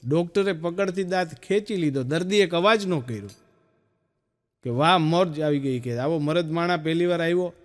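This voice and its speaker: Gujarati-accented guy doing standup jokes, fairly high voice, acts out the back-and-forth. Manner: storytelling, acting out quick dialogue. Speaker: stand-up comedian.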